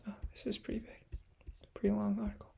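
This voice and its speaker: A woman reading texts aloud in a half-whisper, pausing for quiet comments of her own. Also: medium pitch, monotone, vocal fry. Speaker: channel host reading investment texts. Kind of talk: reading aloud and musing while studying.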